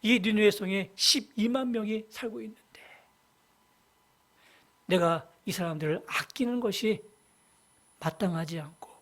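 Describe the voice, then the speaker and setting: A pastor voicing God, calm, soft, low-key, reasoning gently, sermon retelling. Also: measured pace, long pauses, natural voice. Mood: gentle.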